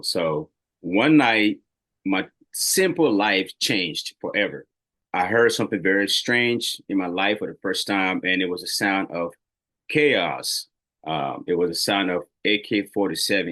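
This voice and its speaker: Deep-voiced man telling his story. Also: a bit bright. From Liberia. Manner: earnest, reflective storyteller. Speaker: guest.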